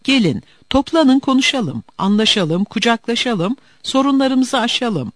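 A man voicing a small boy who shouts and pleads for peace in a storybook tale. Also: very high-pitched, very animated, a little slow, dry recording, clean studio sound, pitched above the performer's own voice, heavily acted. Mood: pleading.

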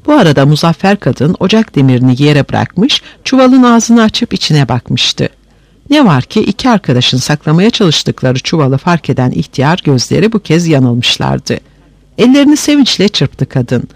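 A man narrating a story aloud in an expressive, animated way. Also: fairly high pitch, moderate pace, dry recording.

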